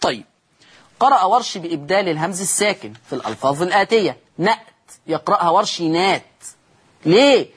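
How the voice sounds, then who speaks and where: Husky Egyptian sheikh teaching recitation. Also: male voice, high voice, animated, fast, fairly bright tone. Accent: Egyptian Arabic. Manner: explains rules step by step, asks and answers his own questions. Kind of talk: televised Quran recitation lesson.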